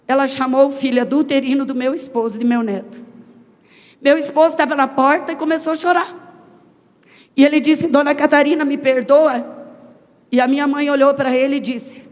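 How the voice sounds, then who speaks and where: A woman giving an emotional personal testimony, telling a family story and acting out the voices she quotes. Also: high-pitched. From Brazil. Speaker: testimony speaker. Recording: long hall reverb.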